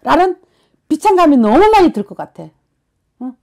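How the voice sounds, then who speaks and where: Woman fortune teller, blunt and scolding, lively high voice, pushes with repeated questions. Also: moderate pace. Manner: forceful, scolding, keeps prodding with "어?". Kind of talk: blunt counseling session.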